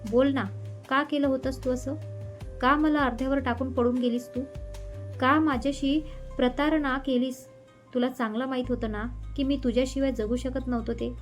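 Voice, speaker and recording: A woman's voice: high voice, steady tone, normal speed, soft background music, close to an everyday voice. Woman voicing a furious, vengeful young man. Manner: shouting accusations, bitter. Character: furious vengeful young man confronting his former love.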